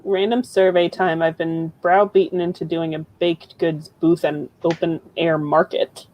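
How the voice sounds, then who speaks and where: A woman's voice: lowish voice, flat delivery, a little slow, darkish tone, a little hiss or hum. A woman co-hosting a live writing stream, telling stories casually and laughing often. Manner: laughing, anecdotal storyteller. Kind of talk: casual chat.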